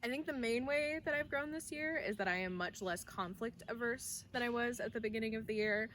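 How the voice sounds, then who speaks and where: A woman's voice: on the high side, a little fast, a bit bright, a little hiss or hum. A young woman from Apex, North Carolina, a service corps member, reflecting in an upbeat, flowing way. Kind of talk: personal reflection to camera.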